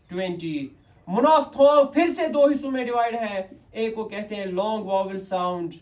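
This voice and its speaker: A man teaching English grammar to a class, repeating points and quizzing his students. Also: high-pitched. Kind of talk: classroom lecture.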